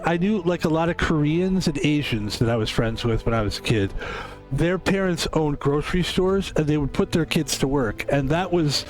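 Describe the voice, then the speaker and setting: Fifty-something man streaming, rambling and reflective. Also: on the high side. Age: 50s. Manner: rambling, reflective, self-correcting. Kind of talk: casual chat while gaming.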